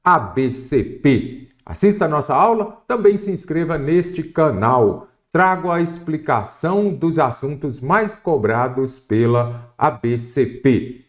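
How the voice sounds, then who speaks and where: A Brazilian man giving an exam-prep lesson in Portuguese grammar. His voice sits at an ordinary middle pitch, and he delivers rules with emphatic stress, often asking questions and answering them himself. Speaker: Portuguese teacher for civil-service exams.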